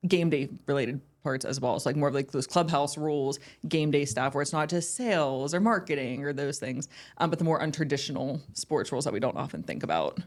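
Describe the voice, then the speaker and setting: A woman's voice: low-pitched, lively intonation, a little fast, hardly any pauses. Chatty young woman full of "like". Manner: chatty, upbeat, lots of "like" and "um". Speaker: guest, ballpark entertainment manager. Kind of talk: casual interview chat.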